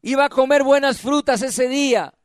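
A man preaching a sermon who asks questions and answers them himself, has the congregation repeat phrases, and drops to soft, low phrases for emphasis. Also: normal speed, no echo, clean studio sound.

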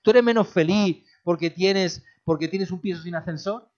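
Brief: male preacher with a high voice, repeats his points, folksy jokes, muffled lo-fi sound. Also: moderate pace, darkish tone. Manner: repetitive, calls listeners "beloved", jokey asides. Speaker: pastor. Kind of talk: sermon. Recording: dull lo-fi recording.

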